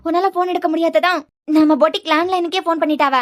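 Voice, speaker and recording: A woman voicing a kindly older shop worker in a cartoon serial, gently explaining with a Kanyakumari Tamil accent. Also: very high-pitched, little pitch movement, quick pace. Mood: concerned.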